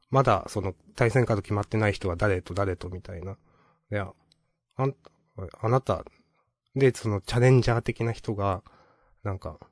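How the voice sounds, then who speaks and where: Low-voiced man in rambling casual chat. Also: dry recording, clean studio sound. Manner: rambling, many fillers, chuckles while telling stories. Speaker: podcast co-host.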